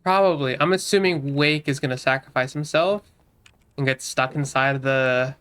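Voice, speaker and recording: A man's voice: medium pitch, moderate pace, a bit bright, clear, resonant tone. A man giving casual let's-play commentary, muttering and mocking himself to viewers as he plays at a desk mic. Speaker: gamer streaming a playthrough.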